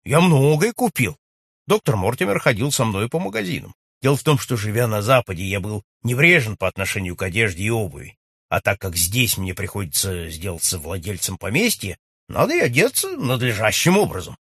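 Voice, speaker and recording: A man reading aloud and voicing a blunt young baronet who talks loudly and forthrightly in a husky voice. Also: fairly low pitch, big pitch swings, a little fast, no echo, clean studio sound, exaggerated voice. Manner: loud, forthright, exclaiming. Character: young hearty baronet back from abroad, blunt.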